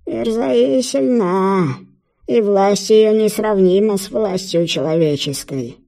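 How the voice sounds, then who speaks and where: Squeaky gravelly root-creature messenger, sly, slow and drawn out, storybook. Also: male voice, mellow, heavily acted. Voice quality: squeaky, creaking. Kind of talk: audiobook character voice.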